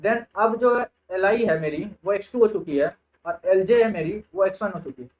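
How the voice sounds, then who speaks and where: A man's voice: high voice, moderate pace, low-quality recording. A young man with an Indian accent teaching sorting algorithms, explaining each step and thinking aloud as he goes. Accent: Indian English. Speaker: computer science tutor. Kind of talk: lecture on sorting in Hindi-English mix.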